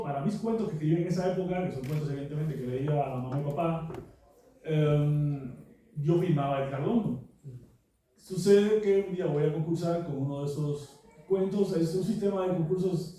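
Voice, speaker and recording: Man, novelist at book launch, relaxed storytelling, fillers, mellow, heavy room echo. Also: fairly high pitch. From Cuba. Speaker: novelist presenting his book. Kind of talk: anecdotal talk at a book launch. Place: book presentation venue, large room. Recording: very echoey room, mic far off.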